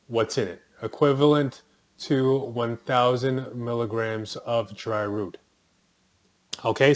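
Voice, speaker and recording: A man's voice: medium pitch, no echo. A man giving a casual, conversational talk about a supplement. He corrects himself mid-sentence and adds offhand asides. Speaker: wellness vlogger. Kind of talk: casual product talk to camera.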